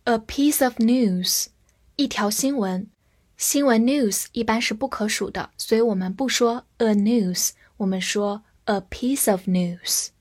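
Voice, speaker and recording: A woman teaching English vocabulary in a scripted lesson, speaking slowly and clearly and spelling out each word letter by letter. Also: medium pitch, a little mellow.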